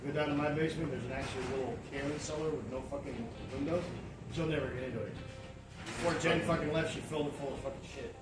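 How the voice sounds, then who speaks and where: A man's voice: fairly high pitch, fast, echoey room, distant mic, over loud music, low-quality recording. A man with a dry, wisecracking manner chatting in a garage. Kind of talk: casual shop banter.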